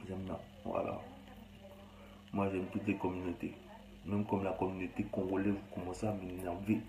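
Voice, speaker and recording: A man's voice: low-pitched, flat delivery, normal speed, echoey room, noisy background. A young man with a Cameroonian accent talks bluntly and rambles in a casual, slangy monologue. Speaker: vlogger.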